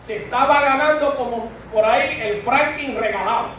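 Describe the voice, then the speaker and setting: A man's voice: extremely high pitch, normal speed, a bit bright. A man preaching a sermon in a church, speaking emphatically and addressing the congregation directly. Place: church sanctuary. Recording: echoey church from far off, faint hiss.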